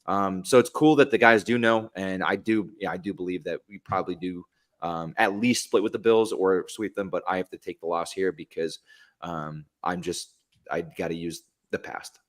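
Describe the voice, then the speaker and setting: Rambling low-voiced man, podcast co-host. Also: fairly even intonation, normal speed. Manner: rambling, restarts and corrects himself. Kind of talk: casual sports chat.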